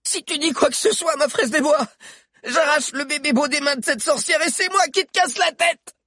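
A tough, cheeky teenage girl, played by a male audiobook reader answers in a very high, scornful voice. She sounds proud and unbroken, and the recording is dry and close. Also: moderate pace, pushed and bright, dry recording. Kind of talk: audiobook character voice.

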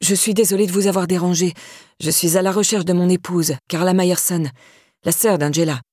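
A woman's voice: on the low side, steady tone, a little fast, darkish tone, no echo, studio quality, lightly acted. A woman voicing a tense, worried young man in an audiobook, urgent and strained under forced politeness. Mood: polite.

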